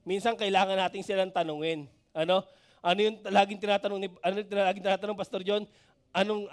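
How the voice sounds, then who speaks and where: A man preaching a conversational sermon, chatty and searching for words, often checking in with the congregation through rhetorical questions. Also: high voice. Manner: lots of hesitation fillers and restarts while searching for words.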